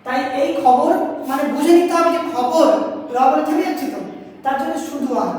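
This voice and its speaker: A high-pitched woman teaching schoolchildren, spelling out letters one by one and explaining slowly, often repeating herself. She sounds far from the mic, with heavy echo and a long reverb tail in a classroom. Faint noise sits underneath. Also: a little mellow. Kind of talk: classroom grammar lesson.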